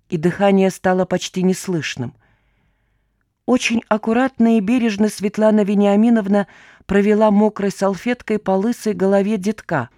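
A woman narrating an audiobook in an even, measured reading. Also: medium pitch, no echo, studio quality. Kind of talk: scripted narration.

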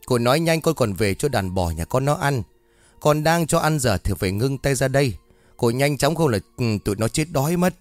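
A man voicing a loud, quarrelsome village woman who shouts insults in a ghost story. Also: mid-range voice, lively intonation, fairly quick, no echo, faint music behind, lightly acted. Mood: impatient. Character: loud coarse village woman, quick-tempered.

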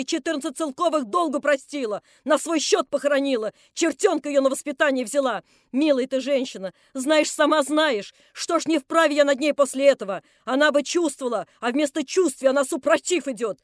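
Brief: shrill, abusive old landlady in a storybook reading, put on by a woman reader; loud, scolding, self-pitying. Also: brisk, dry recording, clean studio sound, close to an everyday voice. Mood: bitter ranting. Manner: ranting, scolding, wailing self-pity. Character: drunk, vicious older landlady, shrieking fury. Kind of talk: audiobook reading.

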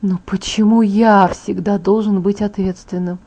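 A woman voicing a calm, protective young male vampire in an audiobook, speaking in a soft, restrained murmur. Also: unhurried. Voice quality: soft, hushed. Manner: low murmur, gentle and restrained. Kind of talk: audiobook character voice. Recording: dull lo-fi audiobook MP3.

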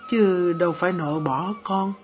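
A woman voicing a tender, worried elderly grandfather, speaking softly and slowly. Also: lowish voice, voice pushed down, lightly acted. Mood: soothing. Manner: soft, slow, soothing. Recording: dull lo-fi audiobook with faint music.

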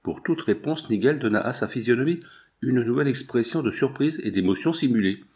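A man reading a novel aloud with measured, dramatic scripted narration. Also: medium pitch, lively intonation, darkish tone. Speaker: audiobook narrator.

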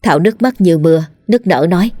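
A woman narrating a ghost story in a steady, dramatic telling. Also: lowish voice, no echo, studio quality. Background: faint music.

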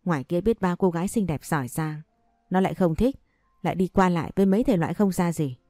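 A woman reading the lines of a sharp-tongued older mother who scolds her daughter bluntly, in an audio story. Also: on the low side, quick pace, dry recording, studio quality, faint music behind, close to an everyday voice. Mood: scolding.

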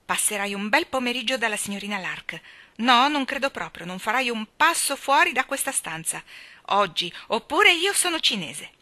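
Woman reader playing a severe, icily calm storybook nanny, voice pushed a little higher and louder, bright tone. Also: normal speed, no room sound. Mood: stern. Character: stern, haughty grown woman nanny.

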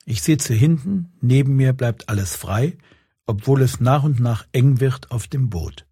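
A man reading his own first-person reportage in a sober, measured and wry manner. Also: mid-range voice, mellow, breathy edge, no echo, studio quality. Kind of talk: scripted first-person narration.

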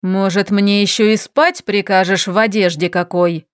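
Woman doing a gruff bossy orc ruler. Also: mid-range voice, fairly even intonation, dry recording, clean studio sound, lightly acted. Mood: grumbling. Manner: gruff, bellowing, slow and bossy. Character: brash stubborn male orc ruler. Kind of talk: audiobook character voice.

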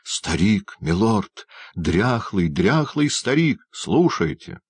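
A man voicing a stern, brisk male jailer who speaks firmly. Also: fairly low pitch, sing-song, slightly rough, no room sound, exaggerated voice. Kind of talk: audiobook character voice.

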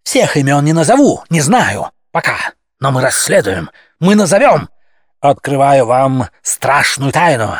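A man voicing a fiery male cat orator who hurls short, sharp, accusing phrases at a crowd in an audiobook. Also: mid-range voice, very animated, unhurried, no room sound, studio quality. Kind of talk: audiobook character voice.

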